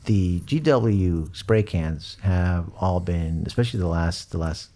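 Male hobby podcaster, deep and mellow, informal, easygoing, a bit jokey. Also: unhurried. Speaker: podcast host. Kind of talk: casual hobby chat.

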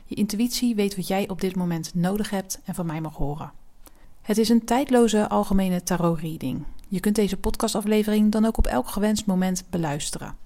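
A woman hosting a tarot podcast, narrating in a calm, measured way and addressing the listener directly. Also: mid-range voice. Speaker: podcast host and tarot reader. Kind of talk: scripted spiritual podcast narration.

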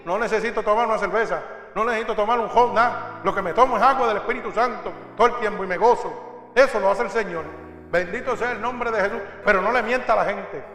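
Man, pastor, fiery sermon, high voice, echoey church hall. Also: fast. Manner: fiery preaching, rising loud on exhortations.

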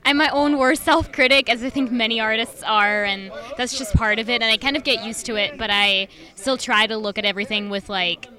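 Bright candid actress, French native. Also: female voice, mid-range voice. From Switzerland. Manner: candid, laughs easily. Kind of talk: casual interview.

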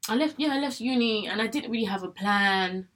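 A young adult woman from England speaks candidly to camera about her illness, vlogging in a mid-range, slightly fast and somewhat bright voice. The audio is poor; she's chatty, often repeats herself, and acts out what she used to think.

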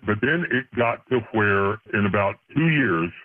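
Brief: male caller disguised through a voice changer, low and tinny over the phone line, earnest storyteller who stumbles and restarts. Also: expressive, a little slow, dry recording. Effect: voice changer disguising his voice. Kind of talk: telling a spooky personal story on a radio show.

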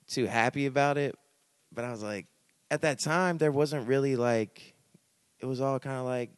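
A man's voice: medium pitch, normal speed, dry recording, studio quality. A young man from the Raleigh area, a rapper guest, talking casually and rambling with many fillers in a podcast interview. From Raleigh area, North Carolina. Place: podcast studio.

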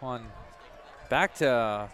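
A man's voice: medium pitch, slow, a bit bright, some chatter behind. A man with an American accent giving conversational color commentary on a football game from outdoors on a windy press box. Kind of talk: conversational sports analysis. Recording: windy outdoor stadium broadcast.

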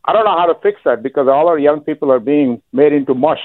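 A man's voice: a little high, fast talker, no echo. A man from Minnesota calling in to a radio show, a teacher talking in a friendly, rambling way. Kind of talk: phone-in chat. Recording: dry tinny phone line.

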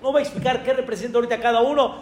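A man with a Mexican accent, a rabbi telling a story in a sermon with animated, dramatic exclamations. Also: very high voice, rapid-fire, reverberant, long reverb tail.

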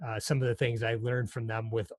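A middle-aged man speaking as a podcast guest, thoughtful and unhurried, often saying "you know". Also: mid-range voice, flat delivery, darkish tone, no echo. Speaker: guest, company president. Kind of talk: reflective interview talk.

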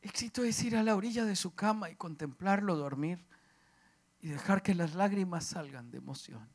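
A middle-aged man preaching a sermon, impassioned, swinging from loud declarations to hushed, emotional speech. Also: high-pitched, moderate pace.

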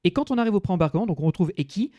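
Mellow-voiced man describing a ride. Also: sits high, expressive, rapid-fire, no echo, clean studio sound. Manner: descriptive, hesitant with fillers. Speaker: podcast co-host. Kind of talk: casual podcast discussion.

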